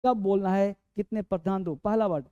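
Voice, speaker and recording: A man's voice: high-pitched, steady tone, fairly quick, warm tone, no room sound, dull audio. A male teacher giving a spoken English lesson, calling students "beta" and drilling each word with repetition. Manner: calls listeners 'beta', drills words with repetition.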